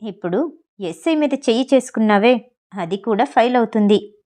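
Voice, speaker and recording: A woman's voice: fairly high pitch, animated, normal speed, dark tone, lightly acted. Woman playing a stern police officer. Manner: stern, accusing. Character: stern male police sub-inspector.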